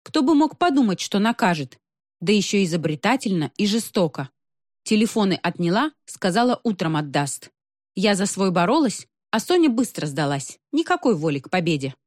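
A woman reading a first-person story aloud in an ironic, expressive manner. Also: mid-range voice, moderate pace, dry recording, studio quality. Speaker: narrator.

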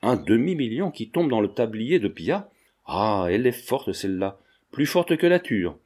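A man's voice: lowish voice, very animated, moderate pace, darkish tone. A man voicing a brash, joking male painter who talks in teasing, slangy banter. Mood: gleeful.

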